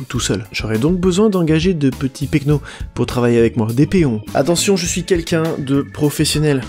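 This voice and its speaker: A man's voice: a little high, darkish tone. A man giving comedic gameplay commentary as a YouTuber, in a mock-pompous, ironic tone. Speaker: gaming YouTuber.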